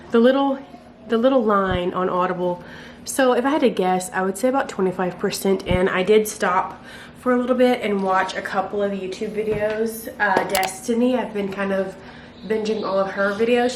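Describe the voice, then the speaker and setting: Filming a vlog at home, this book and craft vlogger rambles casually in slangy language with a Southern American accent. The young woman speaks at a moderate pace in a medium-pitched voice, and a little hiss or hum can be heard.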